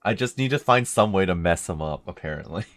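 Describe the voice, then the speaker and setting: A man's voice: low voice, animated, fairly quick, a bit bright. A man playing a video game and commenting on it in a playful, amused way. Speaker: gamer. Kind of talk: let's play commentary.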